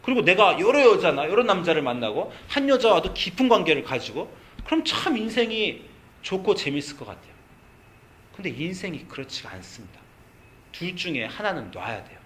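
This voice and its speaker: Lively Korean pastor preaching. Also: male voice, high-pitched, a little fast, slight background noise. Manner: conversational, animated preaching with quoted dialogue. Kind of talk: sermon. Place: church sanctuary.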